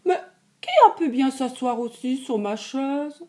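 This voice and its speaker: A woman voicing a stern, motherly mama bear who scolds in a raised, loud voice. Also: sits high, unhurried. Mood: indignant.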